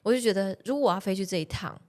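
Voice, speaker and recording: A woman's voice: mid-range voice, rapid-fire. Laughing woman telling stories. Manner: animated, laughs often while telling stories. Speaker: podcast guest. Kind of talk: casual storytelling chat.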